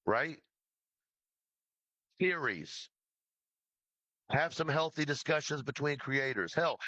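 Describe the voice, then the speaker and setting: A man of medium pitch with a pushed, bright voice makes true crime livestreams. Here he delivers an impassioned, scolding rant at someone not present, swearing freely and repeating phrases emphatically. The audio is poor but has no echo.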